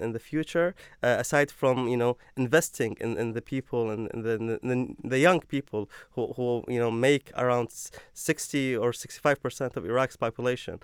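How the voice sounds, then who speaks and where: A man's voice: medium pitch, clean tone, dry recording, studio quality. A young man speaking as a panel guest, hesitant, with many fillers and repeated words. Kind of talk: panel discussion.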